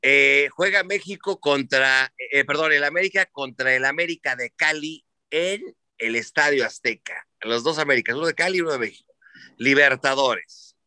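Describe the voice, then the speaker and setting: A man with a Mexican Spanish accent, telling sports stories in casual chat as host, animated and profane, acting out the voices he quotes. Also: mid-range voice, moderate pace, clean tone, no echo.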